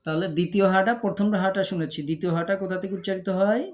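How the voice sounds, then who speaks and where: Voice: medium pitch, steady tone, quick pace. Patient teacher quizzing students online. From Bangladesh. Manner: patient, questioning, corrects pronunciation step by step. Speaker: Quran recitation teacher. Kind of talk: online class instruction. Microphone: online video call.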